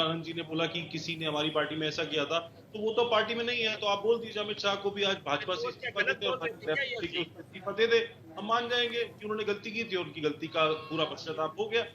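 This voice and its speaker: A man's voice: high-pitched, roomy sound, lo-fi sound. A man on a debate panel arguing insistently and repeating his demands. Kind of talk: heated debate argument.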